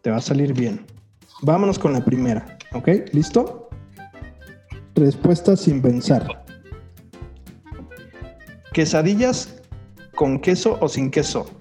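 A man with a Mexican accent hosting a casual podcast chat, playful and animated. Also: medium pitch, takes it slowly, long pauses, faint music behind. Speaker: podcast host.

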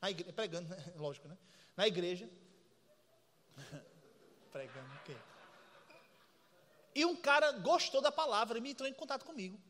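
A man preaching with a strikingly high, bright voice, animated and playful as he demonstrates and imitates laughter. His voice rings out with a long reverb, as in a large hall. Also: moderate pace, pauses often. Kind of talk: lively sermon.

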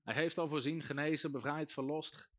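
A man's voice: on the high side, steady tone, normal speed, a bit bright. A man, a pastor, preaching a sermon and calling out to his congregation. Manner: preaching with rising emphasis and calls to the congregation.

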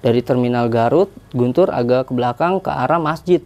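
A man's voice: mid-range voice, brisk, a little mellow. A young man casually telling a story as a podcast guest, rambling along and tagging his sentences with fillers. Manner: chatty, rambling, with many filler tags.

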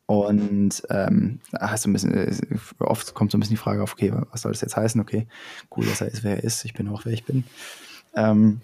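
A young man with a fairly low, mellow, husky voice and some vocal fry talks through an idea in casual conversation. He explains it step by step, pausing often for fillers and starting sentences over. His delivery stays relaxed and unhurried.

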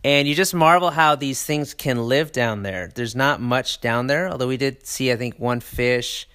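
A man's voice: medium pitch, moderate pace, bright, forceful tone, clean tone. A man chatting casually and enthusiastically about a trip, rambling with fillers and restarts. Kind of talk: casual travel chat.

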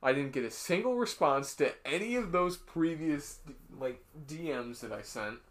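A man's voice: fairly high pitch, lively intonation, moderate pace, fairly bright tone. Young man teasing in casual chat. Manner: teasing, joking banter. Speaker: podcast co-host.

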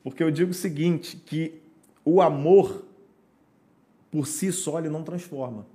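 A man speaking as a pastor, sharing his conversion story in an earnest, preacherly tone. His voice sits a little high for a man. He is recorded as a guest on a podcast. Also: unhurried, dark tone. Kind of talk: podcast testimony.

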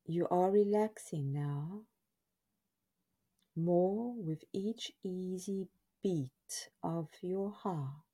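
Very slow, dark, hushed woman guiding relaxation. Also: on the low side, slightly rough. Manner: soothing, hushed, drawn-out phrases with pauses. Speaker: guided relaxation narrator. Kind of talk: scripted guided body scan meditation in a soft, breathy half-whisper.

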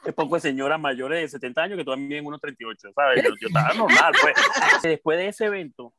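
A Venezuelan man co-hosting a podcast, rattling off his stories at a quick clip. He is animated, laughs a lot and throws in sound effects. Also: on the high side, noisy background. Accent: Venezuelan Spanish. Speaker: podcast co-host. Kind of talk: casual storytelling chat.

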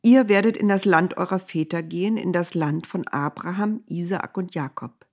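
A woman voicing God speaking from a cloud, calm, stern and unmoved, in a spoken Bible story. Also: lowish voice, moderate pace, close to an everyday voice.

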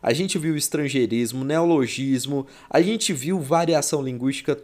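A young male teacher with a Goiás Brazilian Portuguese accent runs a relaxed exam-prep lesson. He talks in a chatty, slangy way and keeps things playful. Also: medium pitch, moderate pace.

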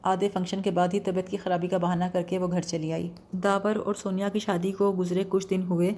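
A woman reading a novel aloud as an audiobook narrator. Her voice is mellow and darkish, her delivery steady and measured. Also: mid-range voice.

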